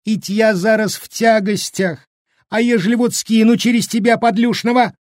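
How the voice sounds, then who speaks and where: Brief: enraged young peasant woman, wailing shrill tone, dry storybook read, by a male narrator. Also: steady tone, moderate pace, no echo, lightly acted. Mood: furious. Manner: shrieking, wailing.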